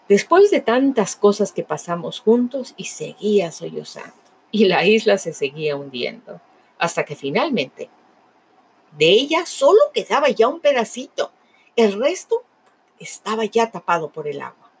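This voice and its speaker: A woman narrating a fable in a dramatic, emotive way, with lingering pauses. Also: medium pitch, slightly rough. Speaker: storyteller.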